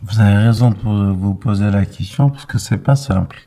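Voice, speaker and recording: A man answering a caller as an expert, explaining in a calm, measured way. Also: on the low side. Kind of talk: explanatory advice.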